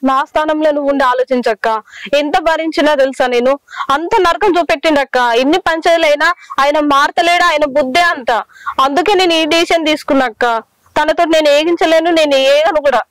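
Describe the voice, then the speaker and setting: A woman's voice: high-pitched, a little fast, no room sound, lightly acted, low-quality recording. A woman playing a bitter young village wife. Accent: Telangana Telugu. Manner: bitter, complaining. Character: young village wife worn down by a drunk husband. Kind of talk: village short film drama.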